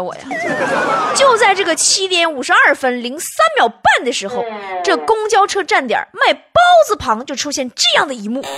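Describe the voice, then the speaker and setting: A woman, a radio host delivering a playful, mock-dramatic comic monologue that she keeps tagging with drawn-out self-pitying asides. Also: high voice, heavy background noise. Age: 30s.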